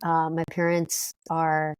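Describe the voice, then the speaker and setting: A company co-founder from Detroit, United States, appears as a guest in a conversational interview, upbeat and fast-talking with lots of fillers and restarts. Her low voice is clear and resonant, yet her delivery is completely flat, and there's no room sound.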